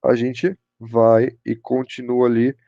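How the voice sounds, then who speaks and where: A man's voice: medium pitch, flat delivery, slow pace, dark tone, dry recording, lo-fi sound. A man with a Brazilian Portuguese accent teaching an online English grammar class, often checking in with his students. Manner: repeats "show de bola" and "pessoal", checks in with students.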